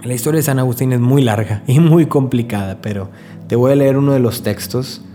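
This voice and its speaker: Earnest man with a mellow voice. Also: medium pitch, brisk. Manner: earnest, conversational, speaks straight to the listener. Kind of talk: spoken spiritual reflection. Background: faint background music.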